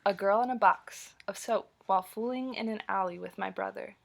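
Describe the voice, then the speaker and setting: A woman's voice: medium pitch, vocal fry. A young woman, a student, reads poems aloud and then talks to her classmates about them with hesitant fillers. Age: young adult. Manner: plain, unhurried reading with hesitant fillers when speaking freely. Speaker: student presenter.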